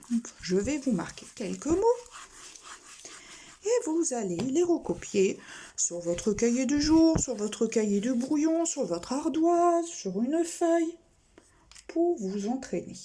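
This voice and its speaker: A woman teaching a recorded primary school reading lesson, talking slowly and deliberately and spelling out letters and sounds one at a time. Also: sits high, sing-song, mellow, a little hiss or hum.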